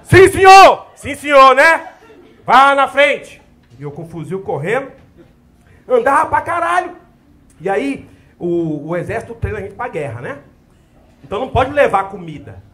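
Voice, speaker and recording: Young brazilian guy doing stand-up, high lively voice, swears a lot, yells out bits, crowd laughing faintly. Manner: profane, animated storytelling with shouted sergeant bits. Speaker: stand-up comedian. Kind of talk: stand-up comedy routine. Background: audience laughter.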